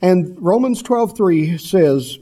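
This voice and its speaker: A man preaching a sermon, with an emphatic, repetitive cadence, slowing down to quote scripture. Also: high voice, lively intonation, dark tone.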